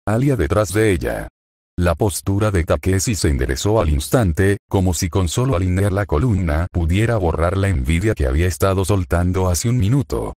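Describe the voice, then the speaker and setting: A man giving a scripted narration of a fanfic in an even, steady reading voice. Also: low voice, dry recording, studio quality.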